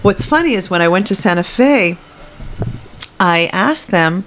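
A woman stand-up comedian talking candidly as an interview guest, chatty and relaxed, with plenty of fillers. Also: medium pitch, unhurried, slight background noise. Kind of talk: casual interview conversation.

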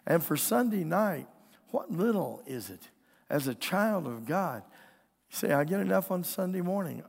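A man preaches in a church, his high voice gravelly and husky, swinging widely in pitch at an ordinary speed. As pastor he stays folksy and earnest, chatting through the sermon and often asking for an amen, while his strained, weakened voice forces him to clear his throat. Long reverb fills the church hall.

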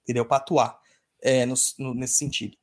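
A man's voice: mid-range voice, flat delivery, moderate pace. A man who hosts a podcast, casually explaining spiritual practice to the listener, often repeating key phrases and checking in with "tá?" and "entendeu?". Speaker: spiritual teacher and podcast host.

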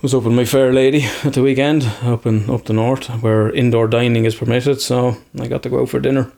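Gravelly Irish man chatting casually. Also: mid-range voice, fairly even intonation, a little fast, warm tone. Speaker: podcast co-host. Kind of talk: casual chat.

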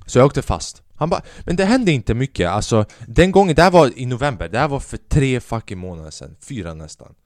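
Very animated and barely pausing, this male podcast host tells profane, wandering comic stories and performs the dialogue of the people in them. His medium-pitched voice is slightly mellow, recorded at studio quality without echo.

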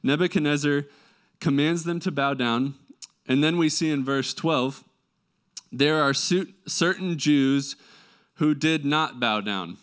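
A man delivers a sermon in a clear, smooth voice with a nasal tinge from a mild cold. He moves between reading scripture and explaining it conversationally, often checking in with rhetorical questions. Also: fairly high pitch, slow, fairly bright tone. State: slight head cold. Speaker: preacher.

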